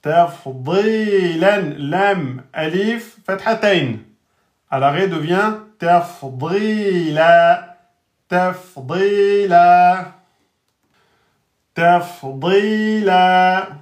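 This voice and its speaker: A man teaching Arabic reading in a live online lesson, speaking at a very slow, deliberate pace in a somewhat higher voice. He breaks each word into letters and vowels and says it again and again. The sound is echoey, as if in a bare room. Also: lively intonation. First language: French speaker teaching Arabic. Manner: spells out letters and vowels slowly, repeating words.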